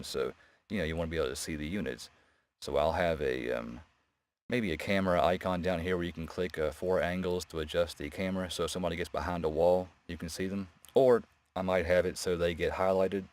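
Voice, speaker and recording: Casting: man with a very low voice, developer casually talking through his game, hesitant and unscripted. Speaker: game developer presenting an update. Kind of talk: casual unscripted screen-share commentary. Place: indoors beside a gaming laptop. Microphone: new microphone near a laptop.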